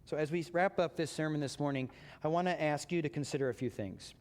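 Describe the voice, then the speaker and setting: Inside a church sanctuary with long reverb, a pastor delivers a sermon in a conversational way, joking with his congregation. His voice is on the high side and he speaks at a quick pace.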